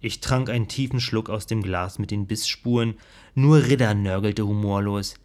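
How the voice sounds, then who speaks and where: A man giving scripted audiobook narration in a vivid, expressive storytelling manner. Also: fairly low pitch, moderate pace.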